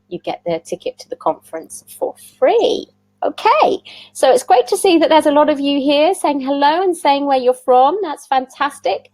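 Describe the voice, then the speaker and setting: A woman's voice: mid-range voice, a little mellow, no echo, rough recording. A woman hosting an online interview over a video call, bubbly and chatty, laughing at her own slips. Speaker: host.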